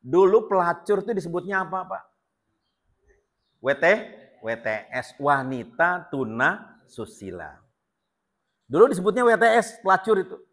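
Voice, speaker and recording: A middle-aged man gives a chatty, joking sermon. His voice sits high and sounds bright and forceful. He keeps turning to the congregation with questions and calls them "sir". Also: big pitch swings, moderate pace, long pauses. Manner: chatty, asks the audience questions; often addresses listeners as "Pak". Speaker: preacher. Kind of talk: casual humorous sermon. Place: prayer hall.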